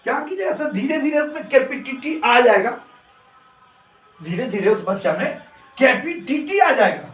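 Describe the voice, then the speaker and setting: A man voicing a pupil's mother who speaks in a shrill, indignant voice. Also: lively intonation, normal speed, fairly bright tone. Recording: echoey room from far off.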